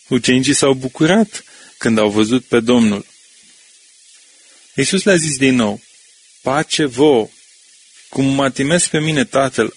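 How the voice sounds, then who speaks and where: A man reading a scripture passage aloud in a steady, measured way. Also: medium pitch, husky.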